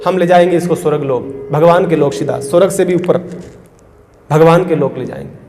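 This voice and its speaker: A man's voice: on the high side, normal speed, long reverb tail, background noise, close to an everyday voice. A man voicing a stern, commanding male divine messenger in a sermon story.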